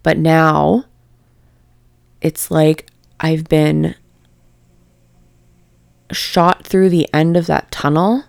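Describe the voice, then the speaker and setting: A woman talks through a reflective spiritual meditation at a very slow, unhurried pace, her low voice calm and almost monotone. She halts often and searches for words, and a gravelly fry runs through her speech. The sound is close and dry, with no room around it. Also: no echo. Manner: halting, searching for words, many fillers; calm, near monotone delivery. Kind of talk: reflective spoken meditation talk.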